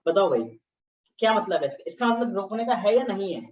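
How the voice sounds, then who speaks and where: Heard from a distance in an echoey, muffled classroom recording, a male teacher lectures in a high, expressive voice at a brisk clip. He keeps repeating key terms and checking that his students follow.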